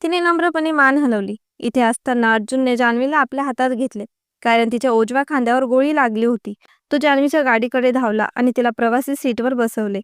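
A woman narrating a story in an even, unhurried reading voice. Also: fairly high pitch, clean tone, dry recording, clean studio sound.

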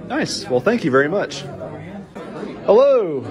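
A man's voice: sits high, big pitch swings, over music. A man, casually interviewing people at an event, upbeat and chatty. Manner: upbeat, chatty, quick questions. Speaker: interviewer touring tables. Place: large indoor hall at a busy event. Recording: loud crowd chatter behind.

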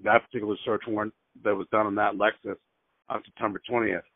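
Low-voiced man heard over a landline phone. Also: level tone, creaky, dry recording. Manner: careful, repeats details and numbers slowly; hesitant, frequent fillers. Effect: heard over a landline phone line. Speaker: caller. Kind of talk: phone call and voicemail message. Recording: tinny, dry phone line.

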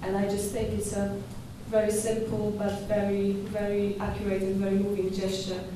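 Young woman, curator, conference talk, flat delivery, hesitant restarts, roomy hall reverb, audible background hiss. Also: mid-range voice. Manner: measured, thoughtful, with hesitations and restarts. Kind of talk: conference presentation. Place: dark lecture hall at a podium. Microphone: podium microphone. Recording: echoey hall from far off.

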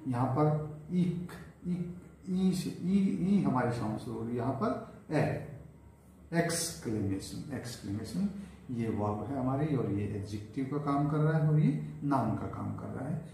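A man's voice: medium pitch, expressive, warm tone. Man teaching grammar in an echoey room. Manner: explains slowly, repeats words, asks "right?" and "clear?". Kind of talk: Hindi-English grammar lesson at a board. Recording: echoey room, faint background hiss.

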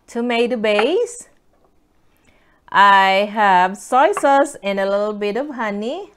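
A woman hosting a casual eating vlog, chatty and excited, with drawn-out exclamations between bites. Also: medium pitch, smooth. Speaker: mukbang vlogger.

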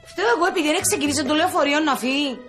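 An actress playing a chatty, stubborn Cypriot wife in a sitcom, speaking Cypriot Greek with animated, whiny complaints. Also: female voice, high voice, over music, natural voice. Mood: indignant. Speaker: Christina, comic wife in a sitcom.

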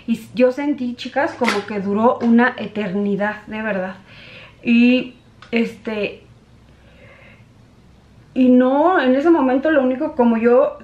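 Middle-aged Mexico City woman, chatty beauty vlogger telling a story; fairly high voice, echoey home room. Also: darkish tone, highs cut off. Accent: Mexico City Spanish. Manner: chatty, addresses viewers as girls, many fillers. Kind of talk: casual storytelling while doing makeup.

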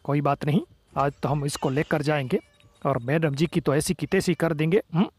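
A young man talks through a game as host, excited and teasing, throwing playful taunts at the on-screen villain. His voice sits a little high, with light music playing underneath. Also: moderate pace. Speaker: gaming channel host. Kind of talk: gameplay commentary.

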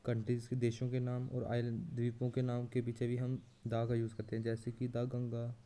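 A young man teaching a grammar lesson, explaining slowly and deliberately and spelling out his examples word by word. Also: mid-range voice, monotone, dark tone.

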